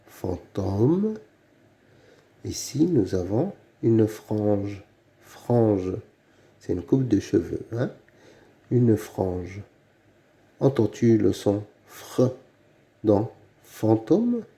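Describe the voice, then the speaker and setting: A man slowly reading out words and syllables for children learning to read, repeating each word and asking the listener questions. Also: lowish voice, very animated, mellow. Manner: asks the listener questions, patient and clear. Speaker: reading teacher. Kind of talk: slow read-aloud phonics lesson for children.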